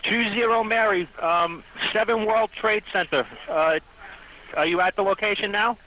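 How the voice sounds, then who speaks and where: A male dispatcher speaks in a bright, high voice over a two-way radio. He gives procedural instructions, with some static noise on the channel. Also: moderate pace. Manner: procedural, directive. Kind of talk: emergency dispatch. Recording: slightly noisy emergency radio channel.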